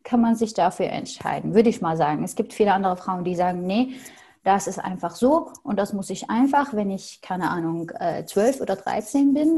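A young Syrian woman, a native Arabic speaker, answers casual interview questions as a podcast guest in a soft, mellow, mid-range voice with slight roughness. She responds slowly and thoughtfully, often hesitating with fillers while searching for words. She's on a video call through a headset mic, in a small home room with paintings on the wall.

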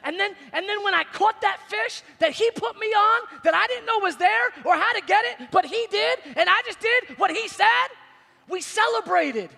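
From a big stage in a church hall, a man in his forties delivers a sermon as pastor, his voice creaky and his speed normal. He swings widely in loudness and pitch, from loud high outbursts to hushed low asides. Long reverb fills the hall, with faint music underneath.

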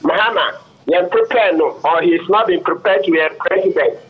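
Ghanaian lawyer calling in, muffled line. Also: male voice, high-pitched, fairly quick, breathy edge. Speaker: lawyer guest on the show. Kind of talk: political commentary on air.

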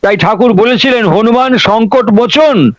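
A man's voice: extremely high pitch, unhurried, dry recording, low-quality recording. A man giving a devotional sermon, preaching with emphatic, repetitive rhetoric.

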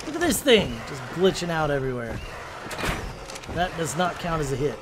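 A man hosting a gaming video, giving let's-play commentary in an animated, exasperated, mock-ranting way. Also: fairly high pitch, normal speed, very noisy. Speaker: gaming channel host.

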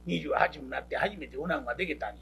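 A man's voice: fairly high pitch, rapid-fire, vocal fry, fairly bright tone, a little hiss or hum, pitched below the performer's own voice. A man with a Kansai accent voicing a sardonic older male friend who snaps dry, scolding retorts.

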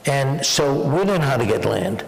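Gravelly man telling wry stories. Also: mid-range voice, expressive, normal speed. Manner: wry, joking storyteller. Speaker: honored guest. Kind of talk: onstage interview at a dinner. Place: large banquet hall. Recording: echoey banquet hall.

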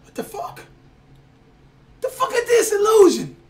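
A young man streams a horror game, scared and jumpy. His voice sits extremely high for a man and swings widely. He swears freely and gets loud as he reacts to the game. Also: huge pitch swings, measured pace. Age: young adult. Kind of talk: live gameplay reaction commentary. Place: dark room at home, indoors.

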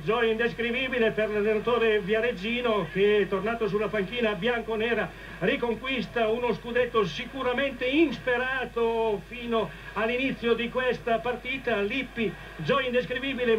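A male football commentator giving excited, emphatic live radio match commentary. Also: extremely high pitch, normal speed. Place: football stadium commentary position. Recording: dull, noisy radio broadcast feed.

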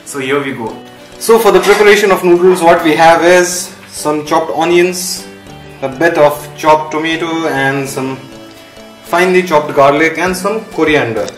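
A young Indian man vlogs casually from a small room and kitchen at home, moving between English and Hindi. His slightly high voice runs at normal speed, sounding reverberant over soft background music in poor-quality audio.

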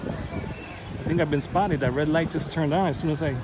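Amid loud music and a noisy crowd, a middle-aged man walks through an outdoor theme park, chatting excitedly for a casual vlog shot on a handheld camera at arm's length. The phone recording is very noisy. His voice is a bit high, with a steady tone and normal speed.

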